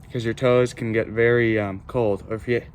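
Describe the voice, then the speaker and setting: A young man chatting casually to camera outdoors, halting and pausing as he bears the cold. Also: medium pitch, little pitch movement. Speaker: vlogger. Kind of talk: casual unscripted vlog chat to camera. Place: outdoors in cold stream under a small bridge. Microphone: handheld phone or camera. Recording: clear outdoor background noise, ambience.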